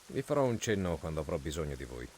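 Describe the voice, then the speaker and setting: A calculating military leader in a video game, giving measured orders with authority. The voice is deep and moves widely in pitch, over clear outdoor noise. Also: male voice, big pitch swings, a little mellow. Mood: calm, commanding. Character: commanding, calculating male officer leading armed men.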